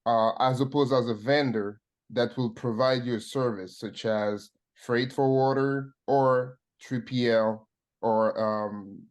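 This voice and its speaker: A man with a French accent, a supply chain consultant speaking as a webinar guest, measured and halting with many fillers. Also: medium pitch, steady tone. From France.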